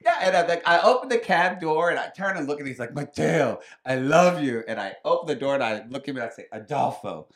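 A man in his thirties telling a story on a podcast in a casual, animated way, acting out the voices of the people in it. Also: fairly high pitch, racing, hardly any pauses. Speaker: podcast guest.

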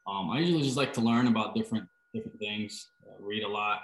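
A man's voice: lowish voice, quick pace. A man from Costa Rica, a startup founder, answering interview questions hesitantly, with many fillers. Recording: roomy, echoey sound.

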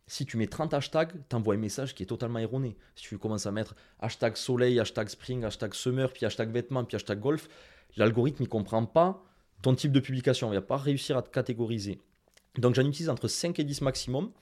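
Male guest, Toulouse accent, mid-pitched, punchy direct advice delivery. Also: a little fast. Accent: Toulouse (southern French). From Toulouse, France. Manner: direct, lively advice-giving, speaks straight to listeners. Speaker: guest, Instagram marketing expert. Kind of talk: casual podcast interview.

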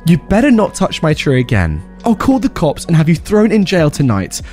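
Man putting on a shrill nasty neighbor woman. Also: wildly swooping pitch, moderate pace, darkish tone, soft background music. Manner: screeching, insulting, whiny.

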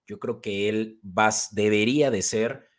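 Lower-voiced man talking fantasy football. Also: steady tone, a little slow. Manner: enthusiastic, fantasy-stat focused. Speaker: podcast co-host. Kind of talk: casual sports talk.

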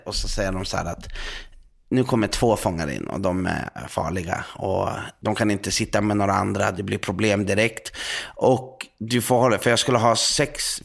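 A man's voice: fairly low pitch, creaky, a bit bright. A man who is a preacher, telling a story in conversation in an earnest, dramatic way with many fillers.

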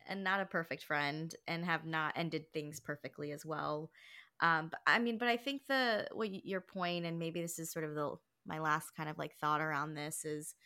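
Bright-toned reflective woman podcaster. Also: fairly low pitch. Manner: reflective, meandering, many "like"s and "um"s. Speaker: podcast co-host. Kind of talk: casual conversational podcast.

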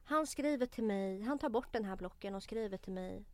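A woman's voice: medium pitch, a little mellow, no echo. A woman co-hosting a casual podcast chat, telling a story with animation, acting out the dialogue and swearing often. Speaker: podcast co-host.

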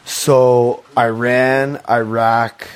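A man's voice: mid-range voice, little pitch movement, drawn-out words, clean tone. A man co-hosting a casual chat, asking eager questions and scattering "like" through his speech. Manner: eager questioning, lots of fillers like "like".

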